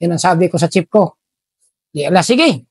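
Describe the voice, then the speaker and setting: Dry-voiced soldier telling stories. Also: male voice, sits high, normal speed, gravelly, breathy edge, no echo. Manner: animated, switches voices for quoted people. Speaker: retired army officer telling war stories. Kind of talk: storytelling, acting out dialogue.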